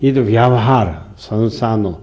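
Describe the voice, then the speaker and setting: In a low, darkish voice, a swami unhurriedly gives a sermon on scripture. He tells homespun stories and keeps asking his listeners questions.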